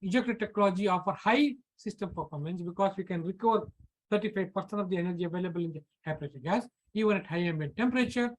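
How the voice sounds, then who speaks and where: A man with an Indian English accent giving an online lecture, halting and repeating words with frequent fillers. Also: high voice, low-quality recording. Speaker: professor presenting a workshop lecture. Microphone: computer mic on a video call.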